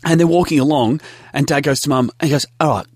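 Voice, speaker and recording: A man co-hosting a casual comedic chat, an animated storyteller who acts out other people's voices. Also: fairly high pitch, quick pace, slightly rough, dry recording, studio quality. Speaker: podcast co-host.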